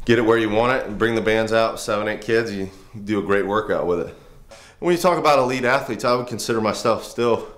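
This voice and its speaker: A man's voice: fairly low pitch, a little fast, few pauses, fairly bright tone. A man in his thirties, a firefighter and trainer, giving a casual, earnest workout demo in a home garage, rambling with restarts.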